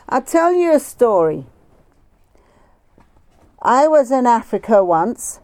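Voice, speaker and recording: Woman preacher on a phone call, fairly high voice, unhurried delivery, storytelling sermon. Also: mellow. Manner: slow, deliberate storytelling.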